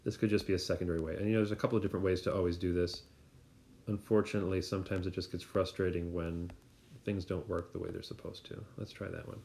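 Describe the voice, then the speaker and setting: A man's voice: low voice, flat delivery, fast talker, darkish tone, a little hiss or hum. A man walking through an app step by step in a casual tutorial, thinking aloud with plenty of fillers. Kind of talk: screen-recorded tutorial walkthrough.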